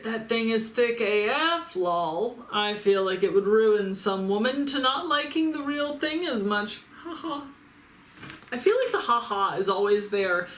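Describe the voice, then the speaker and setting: With a fairly high, slightly bright voice, a Midwestern American woman reads viewer comments aloud during a casual vlog. She's an adult toy reviewer and YouTuber whose delivery is blunt, sarcastic and full of swearing. There's a roomy echo with faint ambience in the recording.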